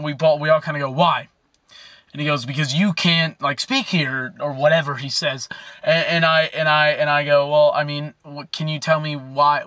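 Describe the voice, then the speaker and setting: A man's voice: on the high side, pushed and bright, no room sound. A young man telling a rambling, agitated story as a political activist vlogger, full of fillers and restarts. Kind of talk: ranting casual vlog.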